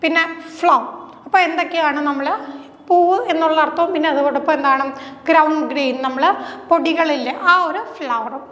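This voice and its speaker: A woman's voice: high-pitched, steady tone, brisk, a bit bright. A woman teacher with a Malayali English accent, a Malayalam speaker, runs an exam-prep lesson and asks questions that she answers herself. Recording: echoey room with long reverb.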